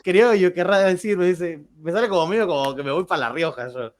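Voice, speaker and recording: A man's voice: a little high, expressive, fast talker. A man with an Argentine Spanish accent, telling joking anecdotes to a class. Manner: chatty, joking, with frequent restarts. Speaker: teacher.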